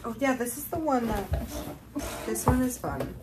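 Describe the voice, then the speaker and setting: A woman's voice: a little high, expressive, moderate pace, background noise. A woman co-hosting a podcast, chatting casually about her books, laid-back, swearing and laughing easily. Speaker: podcast co-host.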